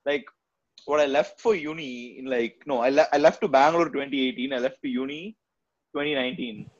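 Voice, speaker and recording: A man's voice: mid-range voice, fairly quick, highs cut off. A man in his twenties with a Tamil Indian accent, chatting casually and informally as a podcast host. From Chennai, India. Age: 20s. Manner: informal, chatty, sprinkles "like" and local slang.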